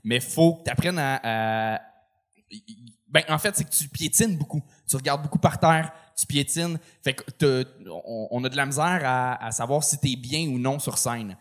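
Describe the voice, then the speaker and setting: A man's voice: medium pitch, normal speed. A man giving feedback to a comedian on a comedy club stage, hesitant and searching for words. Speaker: comedy show judge.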